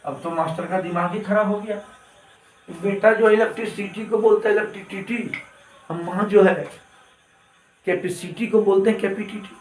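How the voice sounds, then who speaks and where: A man, a chemistry teacher telling his class a joke in an animated way. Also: high-pitched, normal speed, long pauses, slight background noise. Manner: animated, addresses students as beta. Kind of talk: classroom storytelling, joking. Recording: echoey classroom from far off.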